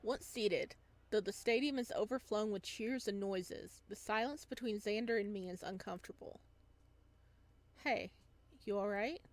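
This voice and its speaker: This woman hosts a gameplay stream where she reads a visual novel out loud, drifting from the written text into unscripted comments. Her pitch sits in the middle range and her pace is moderate.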